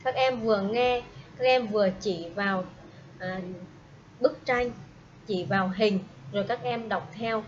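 A woman teaching a primary school English class, speaking slowly and patiently and having pupils repeat each word after her. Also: mid-range voice. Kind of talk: slow classroom instruction with repeat-after-me drills. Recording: dull lo-fi audio with faint noise.

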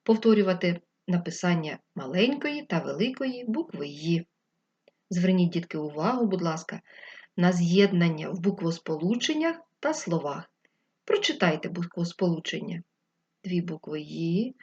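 Female teacher, remote first-grade lesson, slow clear dictation to children, muffled lo-fi recording. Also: lowish voice, expressive, a little mellow. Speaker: primary school teacher.

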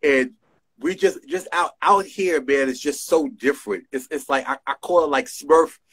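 In a small indoor room, a middle-aged designer from New Jersey speaks through his phone's front camera as a guest on a casual video-call interview. His voice is husky, fairly bright and on the high side, at normal speed, with a New York area accent, street slang and emphatic repetition.

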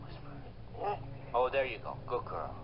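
A man chatting casually to his dogs and his viewers in a home video. His voice rises and falls a lot but his pace stays slow and easy. The recording sounds dull and lo-fi, with loud noise underneath. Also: mid-range voice, expressive. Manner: coaxing, playful, giving dogs commands. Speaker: vlogger. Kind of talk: casual home vlog talking to pet dogs.

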